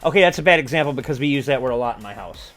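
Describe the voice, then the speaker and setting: A man's voice: medium pitch, lively intonation, rapid-fire, a bit bright, soft background music. A man in his forties delivering an impassioned monologue as a livestream host, blunt and sweary, leaning hard on key words. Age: 40s. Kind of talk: impassioned monologue to an online audience.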